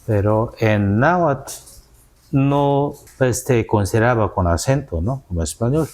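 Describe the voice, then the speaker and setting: A man from South Korea with a Korean accent, a scholar answering interview questions in halting, careful non-native Spanish, often adding "¿no?". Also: mid-range voice, expressive, darkish tone.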